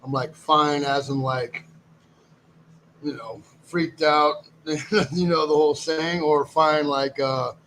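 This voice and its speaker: Chatty man with a higher voice. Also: steady tone, slow pace, fairly bright tone, a little hiss or hum, poor audio. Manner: rambling, chatty, greets viewers by name. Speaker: live stream host running a silver auction. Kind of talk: casual live stream chat.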